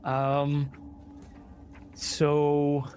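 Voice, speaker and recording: A man's voice: a little high, completely flat delivery, extremely slow, darkish tone, a little hiss or hum. A man playing a tabletop game, hesitantly asking the game master about rules. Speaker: player.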